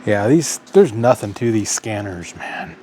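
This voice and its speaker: An electronics teardown host, an American man, talks in a lowish, warm, animated yet unhurried voice as he works indoors at his bench. He mutters short, trailing, unscripted remarks to himself. Expect clear noise from the home recording and occasional off-mic moments.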